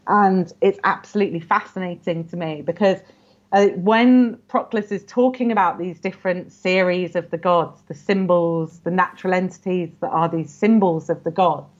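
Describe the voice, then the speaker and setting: A woman's voice: fairly low pitch, fairly even intonation, moderate pace. A woman scholar in an interview, explaining ancient texts earnestly and often saying "you know". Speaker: guest scholar. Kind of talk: academic interview. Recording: muffled lo-fi audio.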